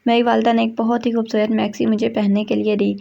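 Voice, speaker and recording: Woman reading a first-person story, a bit high, very flat delivery, muffled lo-fi sound. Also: gravelly. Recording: dull lo-fi recording.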